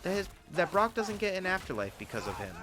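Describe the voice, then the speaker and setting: A man's voice: sits high, sing-song, fast talker, music in the background. A man streaming a speedrun, giving casual, candid commentary that swears freely as he plays.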